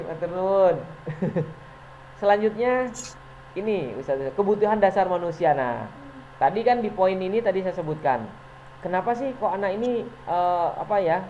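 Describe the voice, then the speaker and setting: A man's voice: on the high side, a little mellow. A man teacher giving an informal presentation to fellow teachers, chatty and hesitant, full of fillers and little chuckles. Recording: dull lo-fi recording with faint noise.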